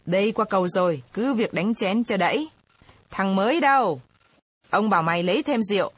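A woman's voice: medium pitch, expressive, fairly quick, breathy edge. A woman reading aloud, voicing a drunk and quarrelsome old former village chief who talks belligerently. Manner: belligerent, shouting.

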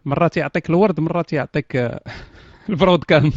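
This casual voice chat host speaks with a Moroccan accent, poking fun at the people he talks to, laughing often, and sprinkling in French. His voice is fairly high, quick, and a little mellow, with no echo in the dull, dry lo-fi recording.

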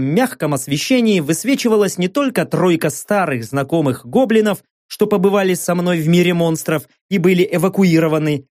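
A man reading a first-person audiobook story as its narrator, in a measured, expressive way. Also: sits high, no room sound, studio quality.

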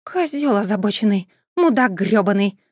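A woman's voice: medium pitch, lively intonation, normal speed, darkish tone, no room sound, clean studio sound, lightly acted. A woman reading an audiobook voices a cool-headed young businesswoman who speaks curtly and indignantly. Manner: curt and indignant, raised voice.

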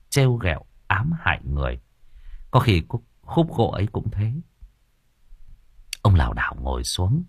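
A man narrating a horror story for an audiobook with expressive storytelling. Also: sits low, husky, no echo, clean studio sound.

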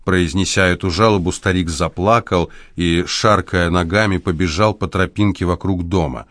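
A man narrating an audiobook in a measured, expressive storytelling voice. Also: deep voice, no room sound, clean studio sound. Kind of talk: scripted narration.

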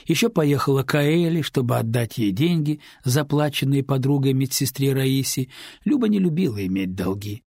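A man reading a novel aloud in steady, measured storytelling narration. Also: mid-range voice, vocal fry, husky, no room sound. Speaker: audiobook narrator. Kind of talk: scripted narration. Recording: dry close studio read.

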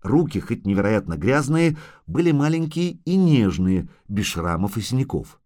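A male audiobook narrator reads fantasy prose in a dramatic, expressive style. His pitch moves a lot from line to line. The recording is dry and close, with no room echo. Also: normal speed. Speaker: audiobook reader.

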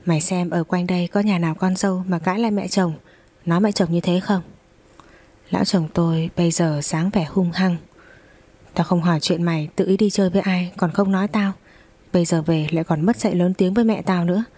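A woman's voice: lowish voice, steady tone, a little fast, dark tone. A young adult woman narrating a first-person story and voicing every character herself.

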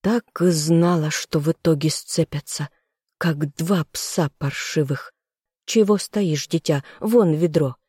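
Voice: mid-range voice, takes it slowly, a little mellow, husky, no echo, clean studio sound. A reader voicing an old herbalist grandmother who scolds two brawling young men in a storybook. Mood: scolding.

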